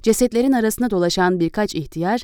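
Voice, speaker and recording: A woman reading a historical novel aloud as an audiobook narrator, in a measured, deliberate way. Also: mid-range voice, warm tone, clean tone, no echo, studio quality.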